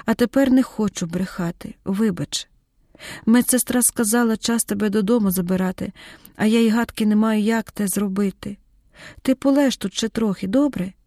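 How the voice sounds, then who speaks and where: A woman reading a tired, grieving young woman with a soft, subdued voice. She sounds worn out, at a middling pitch. The storybook reading is dry and close-miked. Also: normal speed, no room sound, lightly acted. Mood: weary. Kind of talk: audiobook character reading.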